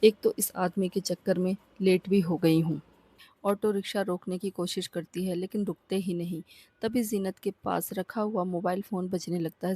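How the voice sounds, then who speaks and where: A woman narrating a romantic story, acting out the dialogue in a lively way. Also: fairly low pitch, slightly rough. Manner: lively, acts out characters' lines.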